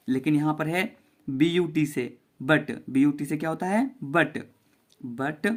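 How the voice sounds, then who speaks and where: A man teaching a basic English reading lesson to children, spelling each word out letter by letter and repeating it. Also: on the high side. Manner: spells words letter by letter and repeats them slowly.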